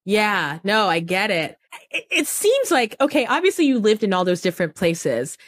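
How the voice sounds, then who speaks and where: A young woman with a mid-range voice hosts a podcast interview at a normal pace, talking animatedly and affirming her guest with frequent "right?" tags. She comes from a Cameroonian family and was raised partly in the United States. The recording is dry and of studio quality.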